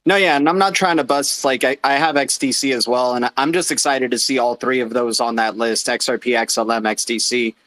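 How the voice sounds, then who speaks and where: A man's voice: mid-range voice, fairly even intonation, brisk, few pauses, fairly bright tone, no echo. A man in a casual online voice chat, explaining points with many ums. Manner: informative, filler-heavy explaining. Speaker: participant in a crypto community audio space.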